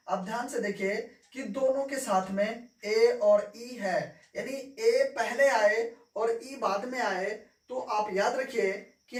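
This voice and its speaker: A woman teaching an English lesson, repeating each point and checking that her students follow. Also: on the high side. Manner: repeats points, asks "clear?" often. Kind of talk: classroom-style lesson. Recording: echoey room, mic far off.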